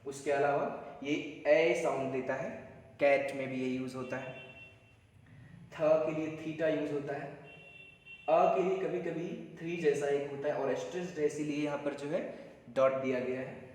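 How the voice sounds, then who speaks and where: A man's voice: a little high, fairly even intonation, measured pace, darkish tone. A man teaching English pronunciation at a board, speaking Hindi with English words mixed in and repeating each word to drill it. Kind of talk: classroom lesson at a board. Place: room with a board. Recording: echoey room with long reverb and faint background hiss.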